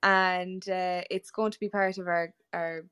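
A woman's voice: on the low side, little pitch movement, unhurried, fairly bright tone, smooth. A young woman with a West of Ireland accent, chatting in a jokey, casual way as a podcast guest. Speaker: guest musician.

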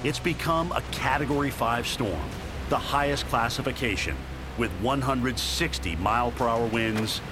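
A man's voice: medium pitch, moderate pace. A man giving dramatic scripted narration as the narrator of a documentary. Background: music.

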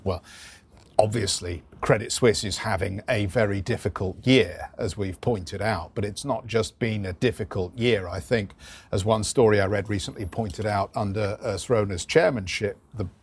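Low-pitched man, rapid market news anchor. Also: breathy edge. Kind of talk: market news presenting, partly ad-libbed.

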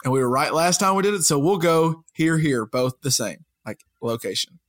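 A man's voice: fairly high pitch, expressive, moderate pace. A man co-hosting a casual podcast, joking and reasoning aloud as team captain. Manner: jokey, talks things through aloud. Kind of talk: casual group chat.

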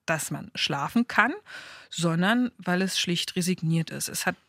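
A woman's voice: on the low side, lively intonation, unhurried, fairly bright tone, dry recording, studio quality. A woman in her thirties co-hosting a parenting talk show, explaining earnestly and with emphasis. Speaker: parenting podcast co-host. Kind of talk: casual informative chat.

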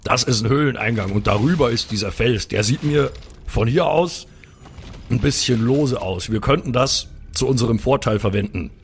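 A man who sounds to be in his thirties improvises as a bossy, slang-heavy player in a tabletop role-playing game, mixing in-character play with banter. His voice is medium-pitched and moderately paced, with a faint hiss or hum in the background.

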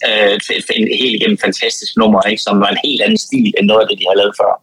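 A man's voice: on the low side, fairly even intonation, a bit bright, breathy edge, no echo, low-quality recording. Enthusiastic Danish man in casual, dry-sounding chat. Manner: enthusiastic fan, repeats words for emphasis. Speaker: podcast guest.

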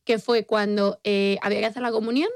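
A woman's voice: medium pitch, fairly even intonation, brisk, dry recording, clean studio sound. A young woman from Spain co-hosting a podcast in casual chat, talkative, laughing often and acting out quotes. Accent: Spain Spanish. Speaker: podcast co-host.

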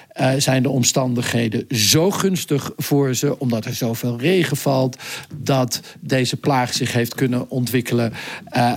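A male correspondent telling a radio interview about events around him, in a vivid, chatty way with frequent hesitations. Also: mid-range voice. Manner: vivid, conversational storytelling with hesitations. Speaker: foreign correspondent. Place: Nairobi, Kenya.

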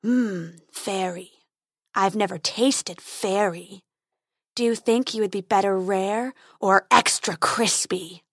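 A woman doing a booming, sulky dragon. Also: fairly bright tone, no room sound, studio quality. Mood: menacing. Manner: booming, slow and grumbling. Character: huge grumpy male dragon, gruff and sulky.

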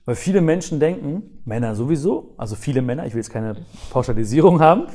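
A man's voice: medium pitch, fast talker. A man, a guest on a podcast, talking casually and giving life advice, acting out people's thoughts in little quotes and tagging "ne?" onto his phrases. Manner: animated, acts out other people's thoughts in quotes; ends phrases with "ne?".

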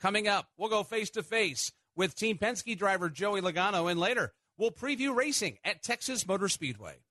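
A male radio host reads his scripted segments with a bright, high-set voice. His pitch jumps around in a lively announcer style. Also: normal speed, no echo. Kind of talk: scripted broadcast narration.

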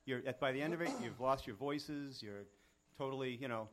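A man's voice: mid-range voice, a little fast. A man from the audience asking a question at a live show, friendly and a little hesitant. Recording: noisy live venue.

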